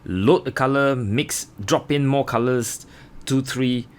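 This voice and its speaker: A man's voice: mid-range voice, slow pace. A man giving a casual watercolor tutorial as an art instructor, explaining in an informal, hesitant, meandering way.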